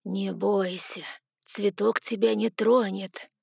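A woman voicing a father who coaxes gently and then turns cold. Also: mid-range voice, steady tone, gravelly, breathy edge, dry recording, studio quality, heavily acted. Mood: coaxing. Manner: slow, soft, coaxing.

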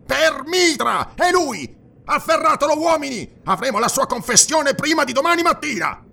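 A blustering guard commander barks orders in a strained, high, ringing voice, as a male narrator puts him on. He swings wildly in pitch as he storms at his men. This is a dramatic audiobook reading. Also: very animated, normal speed, vocal fry, heavily acted. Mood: furious. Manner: shouting high and forceful.

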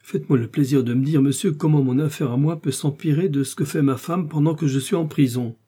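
A man's voice: fairly quick, mellow, slightly rough. A man voicing a frightened, anxious middle-aged shopkeeper who pleads and protests in a storybook reading. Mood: protesting. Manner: pleading, protesting, rising pitch.

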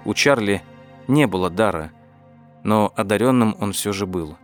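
Low-voiced man narrating an audiobook. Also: normal speed, faint music behind. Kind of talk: scripted narration.

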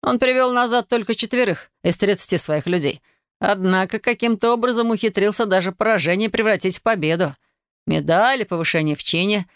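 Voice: medium pitch, brisk, fairly bright tone, smooth, no room sound, studio quality, pitched above the performer's own voice, natural voice. A reader doing a jaunty teasing soldier. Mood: mocking. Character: cheerful, mocking young male soldier.

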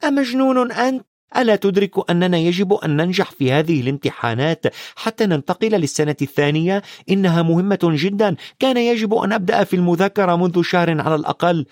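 A man voicing an anxious, bookish schoolgirl, high and insistent, in a storybook reading. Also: quick pace, darkish tone, no echo, studio quality.

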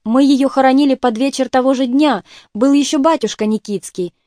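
Woman voicing an insistent, tipsy officer; loud, higher register, dry close sound. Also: a little fast, no echo, close to an everyday voice. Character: tipsy, excitable male officer at a feast.

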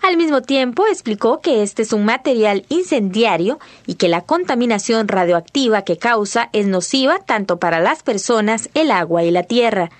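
A woman's voice: fairly high pitch, expressive, moderate pace, hardly any pauses, dry recording. Woman reading a news report. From Costa Rica. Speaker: field reporter.

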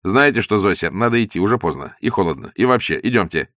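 A man doing a smooth, ironic schemer. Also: on the low side, animated, quick pace, fairly bright tone, dry recording, studio quality. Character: charming, scheming adult male adventurer.

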